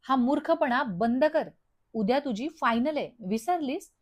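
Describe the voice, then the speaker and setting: A woman's voice: high voice, animated, a little slow. A woman voicing a stern mother who scolds her daughter firmly. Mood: scolding. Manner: scolding, firm.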